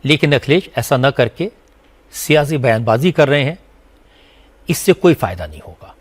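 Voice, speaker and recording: A man narrating a scripted news report in a measured, formal way. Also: mid-range voice, sing-song, husky. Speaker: news anchor.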